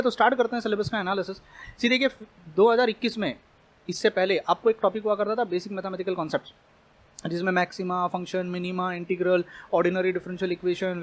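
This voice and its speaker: Fast-talking high-voiced male chemistry tutor. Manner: explanatory, conversational, addresses students directly. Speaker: chemistry teacher. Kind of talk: exam-prep lecture.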